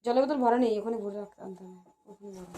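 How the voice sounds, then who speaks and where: A woman's voice: mid-range voice, racing, warm tone. A woman in casual home chat, coaxing and teasing, repeating her requests. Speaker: wife.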